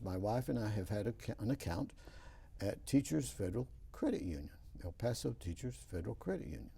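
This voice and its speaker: A man hosts a studio interview program, spinning folksy stories. His voice is dark and mellow, with gravelly fry and a husky edge. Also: lowish voice. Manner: folksy storytelling. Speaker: host.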